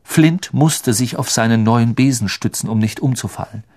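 A man narrating an audiobook in a lively, expressive storytelling manner. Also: mid-range voice, normal speed. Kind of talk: scripted narration.

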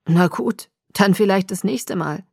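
A woman voicing a calm older man in a wheelchair, speaking low and soft with a husky tone in an audiobook. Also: measured pace, dry recording, studio quality. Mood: easygoing. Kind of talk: audiobook character voice.

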